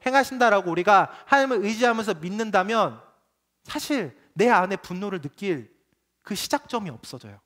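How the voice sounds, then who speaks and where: A man's voice: high voice, animated, fairly quick, a bit bright. A man preaching a sermon at a church youth service, earnest and confessional, speaking directly to his listeners. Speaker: youth pastor.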